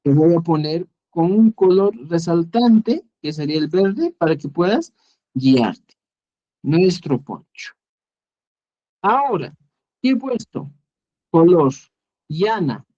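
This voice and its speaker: A man with a Peruvian Spanish accent teaches a screen-recorded lesson, slow and patient, repeating each word. His voice is mellow and dark, yet it swings widely in pitch. The recording is dull and lo-fi. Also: expressive. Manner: patient, repeats words and asks "¿ya?". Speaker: Quechua language teacher.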